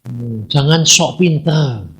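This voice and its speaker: A man's voice: medium pitch, slow, soft background music. A man preaching a casual sermon, teasing his listeners and acting out conversations. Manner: lively, chatty, teasing, acts out dialogues.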